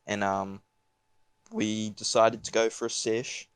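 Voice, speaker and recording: A young guy with a broad Kiwi accent tells a casual story in slangy, sweary talk. His voice sits fairly low and is clean and smooth. The recording is close and dry, and his delivery is laid-back. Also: level tone, takes it slowly, no room sound. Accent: broad New Zealand. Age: young adult. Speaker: podcast speaker.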